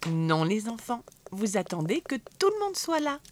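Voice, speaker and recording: Woman voicing a lively mother boar. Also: on the high side, normal speed, slight background noise. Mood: firm. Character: mother boar, cheerful and firm.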